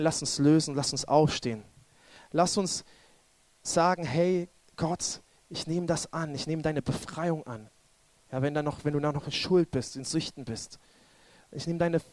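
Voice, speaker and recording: A man's voice: on the high side, darkish tone, no room sound. A man preaching a sermon and then leading a fervent spoken prayer, often repeating short calls to Jesus.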